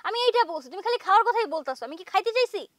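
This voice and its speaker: A sharp-tongued, defiant young wife with a Bangladeshi Bengali accent, played by a woman, with a very high, bright voice. She argues back quickly. Her lines are recorded close and dry. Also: expressive, no echo. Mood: annoyed. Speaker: wife in a short drama. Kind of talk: Bangladeshi TV drama acting.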